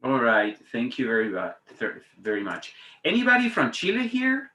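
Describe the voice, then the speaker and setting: On an echoey, roomy webinar call from indoors, a teacher trainer in his fifties, a native Spanish speaker from Patagonia, Argentina, guest-speaks in a chatty, hesitant way full of asides. His medium-pitched voice is pushed and bright, swinging hugely in pitch at a normal speed.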